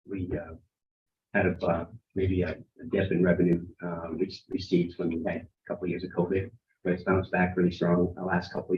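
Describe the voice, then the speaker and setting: A man with a low voice walks a council workshop through his department's budget. He speaks haltingly, full of ums and restarts. The sound is muffled and echoes around a meeting room. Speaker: town recreation director.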